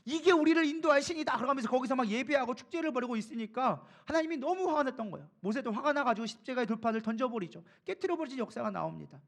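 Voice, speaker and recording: A man's voice: very high voice, animated, rapid-fire, creaky, hardly any pauses, a bit bright. A male pastor preaching a sermon, acting out biblical figures in casual everyday speech. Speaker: co-lead pastor.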